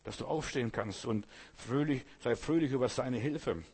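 Husky-voiced man preaching a sermon. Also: medium pitch, normal speed, darkish tone. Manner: addresses listener directly, storytelling, voices quoted figures.

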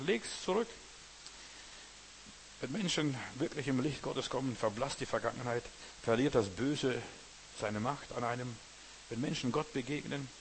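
A man preaches a sermon in a folksy, conversational way. He keeps checking in with the listener, asking whether they know and understand. His voice sits at an ordinary pitch, with a faint hiss behind it.

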